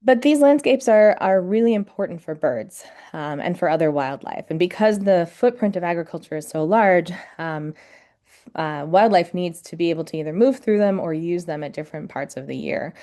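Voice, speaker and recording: A woman from New York City gives an informal academic webinar lecture over a video call, using frequent fillers. Her voice is fairly low and dark, animated, at a moderate pace. She is picked up by a computer mic on the video call.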